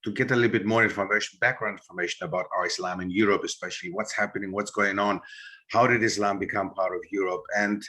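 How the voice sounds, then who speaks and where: Greek-born male historian guest, bright tone, lively storyteller who acts out dialogue in an interview. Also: on the low side, quick pace. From Greece. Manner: animated storyteller acting out quoted dialogue.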